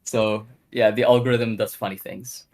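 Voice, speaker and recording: Caller: young man from Egypt, lowish voice, earnest, explanatory, rushes in bursts. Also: steady tone, darkish tone. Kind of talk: casual call-in discussion.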